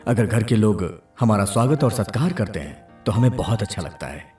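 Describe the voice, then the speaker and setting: Brief: low mellow heir making a formal speech, roomy and distant. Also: male voice, sing-song, moderate pace, soft background music. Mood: earnest. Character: returning heir, polite school head. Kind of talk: Hindi film dub.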